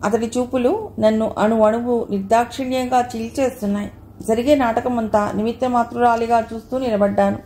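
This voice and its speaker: A woman's voice: on the high side, steady tone, a little fast, warm tone, a little hiss or hum. A woman reading a first-person audio novel with emotive, dramatic narration.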